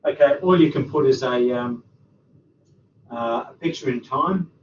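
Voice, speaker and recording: A man, a university lecturer answering student questions in an online workshop, full of ums and uhs. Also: medium pitch. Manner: halting, many ums and uhs. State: hiccups. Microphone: computer microphone on a video call. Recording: roomy, distant, dull, faint hiss.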